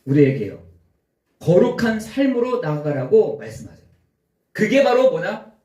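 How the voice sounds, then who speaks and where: Animated high-voiced male preacher in an echoey church. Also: normal speed. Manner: preaches in rising and falling bursts, acts out God's and worshippers' words. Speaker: pastor. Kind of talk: sermon. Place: church sanctuary.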